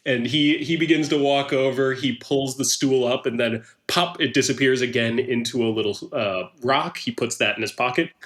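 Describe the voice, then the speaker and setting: A man acts as game master for a tabletop game. He describes the scene in the second person, steady and descriptive. His voice sits at an ordinary pitch. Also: moderate pace, few pauses.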